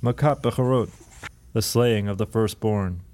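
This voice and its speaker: A man's voice: medium pitch, creaky, mellow. A man doing a dutiful young assistant chanting. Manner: chanting, measured listing.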